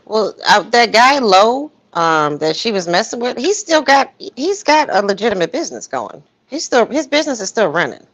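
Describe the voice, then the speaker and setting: A livestream co-host delivers opinionated, emphatic gossip commentary in a casual chat on a livestream call, her audio muffled and lo-fi. Her voice is slightly high and fairly bright, with big pitch swings, a moderate pace and hardly any pauses.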